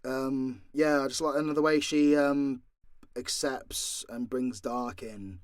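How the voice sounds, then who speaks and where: This is a casual Q&A chat in which a British voice actor and audio drama creator fields fan questions without a script. He speaks slowly in a mid-range voice with fairly even intonation, and his manner is blunt, sweary, and full of jokes. The studio recording has no room sound.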